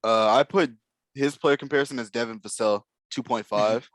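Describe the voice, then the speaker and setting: A man's voice: medium pitch, moderate pace, no room sound. Chatty man breaking down draft picks. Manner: analytical, hedging with many fillers. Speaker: podcast co-host. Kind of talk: casual basketball draft chat.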